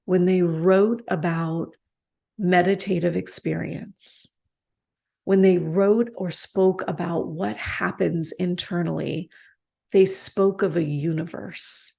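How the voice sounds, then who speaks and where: A woman meditation teacher giving a reflective talk, gentle and unhurried, with soft pauses. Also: on the low side, vocal fry. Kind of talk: slow reflective dharma talk.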